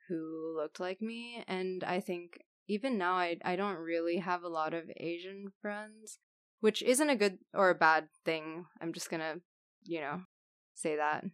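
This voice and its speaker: A woman who grew up in Texas speaks slowly in a smooth, clear voice. Her tone sits a little low and the sound is dry and close. She talks tentatively and casually, with frequent "like" and "I don't know". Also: no room sound. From Texas, United States. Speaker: podcast guest. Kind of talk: casual chat.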